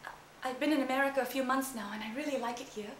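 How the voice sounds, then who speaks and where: A woman's voice: sits high, steady tone, very fast, a bit bright, slight background noise. A woman acting a young immigrant girl with a Singaporean accent who speaks hesitantly and giggles a lot, in a roomy space. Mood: nervous. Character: nervous young immigrant girl, earnest and playful. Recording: roomy stage sound.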